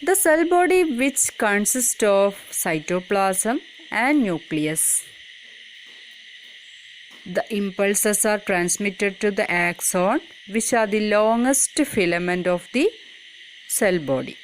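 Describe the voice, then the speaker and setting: A woman's voice: mid-range voice, lively intonation, takes it slowly, slight background noise, poor audio. A woman reading a scripted educational narration for a school lesson. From Kerala, India.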